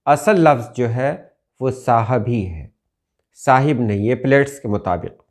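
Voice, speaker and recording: A man from India teaches Urdu at a slow, deliberate pace, his voice at medium pitch. He explains word meanings drawn from dictionaries and repeats the key words.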